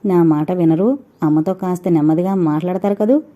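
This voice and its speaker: A woman voicing a gentle, soft-spoken young wife caught between mother and husband, on a dull lo-fi recording. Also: on the low side, fairly quick, close to an everyday voice.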